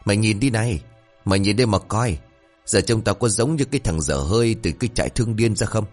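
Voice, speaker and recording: A man voicing a vain, hot-tempered, toothless old sorcerer with a shrill voice, cursing and scolding in rapid outbursts. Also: expressive, soft background music. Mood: angry scolding. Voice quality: shrill lisping voice from missing front teeth.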